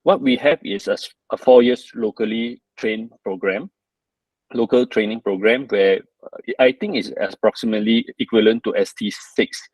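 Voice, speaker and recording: Husky Malaysian-accented man, fairly low voice. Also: moderate pace, a little mellow, no room sound, rough recording. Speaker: surgeon asking a question at a webinar. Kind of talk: hesitant, explanatory question in an online seminar.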